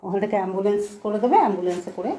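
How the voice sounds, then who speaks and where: A middle-aged woman chatting casually and softly through a home vlog, talking while she goes about her day with a cold. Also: mid-range voice, rapid-fire. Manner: chatty, homely, speaks softly. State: has a cold. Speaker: vlogger. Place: at home indoors.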